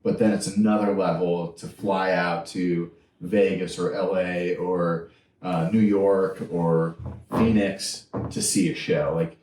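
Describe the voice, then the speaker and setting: An easygoing young man with a very low voice, co-hosting a podcast. He sits away from the mic in an echoey room, with faint noise underneath. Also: little pitch movement, slow, a little mellow, distant mic. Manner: easygoing, agreeable. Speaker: podcast co-host. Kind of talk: casual chat.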